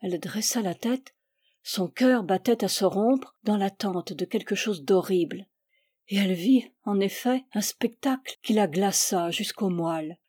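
A woman narrating a classic French short story in a measured, expressive reading. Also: medium pitch, no echo, clean studio sound. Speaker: reader. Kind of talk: literary audiobook narration.

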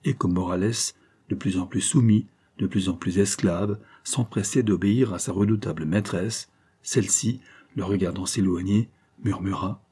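A man reading a novel aloud as an audiobook narrator, with a measured, deliberate storytelling delivery. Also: low voice, mellow, slightly rough. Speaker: audiobook reader. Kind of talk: scripted literary narration.

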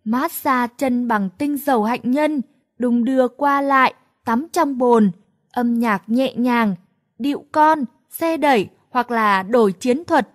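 A woman voicing a brash, loud teenage boy. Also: a little high, slow pace, no room sound, clean studio sound. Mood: bossy. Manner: shouting, bossy, hot-tempered. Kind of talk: audiobook character voice.

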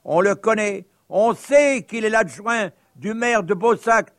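A man narrating a radio documentary from a script, telling the story dramatically with sharp rises and drops. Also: high voice, slow pace, dry recording.

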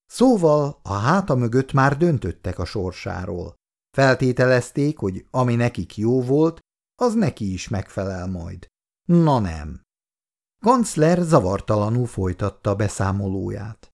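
Gravelly man reading a story aloud. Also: medium pitch. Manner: expressive narration.

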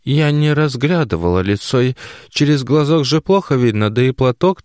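A man voicing an older mother, hoarse and wheezing, frightened and unsure in an audiobook. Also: mid-range voice, expressive, moderate pace, darkish tone, no room sound, clean studio sound, voice pushed up, lightly acted. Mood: fearful. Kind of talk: audiobook character voice.

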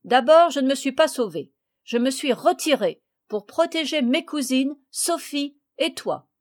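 A woman's voice: high-pitched, lively intonation, unhurried. Boastful, touchy boy, defensive and indignant, read by a woman.

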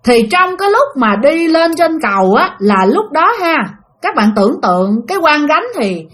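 A woman's voice: high-pitched, very animated, normal speed, fairly bright tone. A young woman, chatting through ghost stories and talking straight to her listeners. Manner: chatty, addresses listeners directly. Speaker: storyteller.

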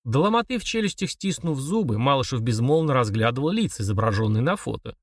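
A man reads a crime thriller aloud in a steady, measured way. His voice sits at a middling pitch, and the recording is dry and close to the mic. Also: dry recording, recorded from a distance. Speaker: audiobook narrator. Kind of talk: scripted narration.

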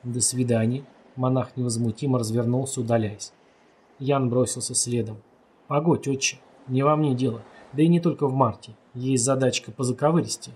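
A man reading a story aloud as narrator, steady and measured, lightly voicing the characters' lines. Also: mid-range voice, slightly rough. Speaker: audiobook narrator. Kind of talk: scripted narration.

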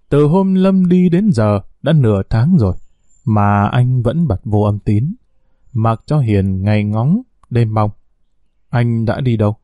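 A man narrating a social drama story in a steady reading voice. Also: medium pitch, dry recording, muffled recording.

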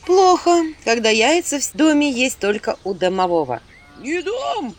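Lively woman narrating a fantasy audiobook. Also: fairly high pitch, moderate pace, background noise. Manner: lively, wry first-person telling.

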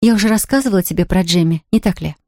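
A woman reading aloud, voicing an eager, chatty young girl who talks in quick exclamations. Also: medium pitch, expressive, darkish tone, dry recording, studio quality, close to an everyday voice. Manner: breathless, rapid, exclamatory.

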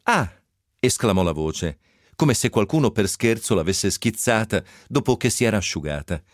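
Male reader, low voice, animated ironic storytelling, close dry radio studio. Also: normal speed, no echo. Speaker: reader of a novel excerpt. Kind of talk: expressive literary reading.

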